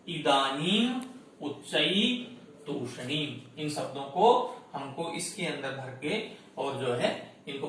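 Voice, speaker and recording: A man's voice: mid-range voice, fairly bright tone. A male teacher explaining an online lesson step by step, asking questions and answering them himself. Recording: echoey room, distant mic, faint noise.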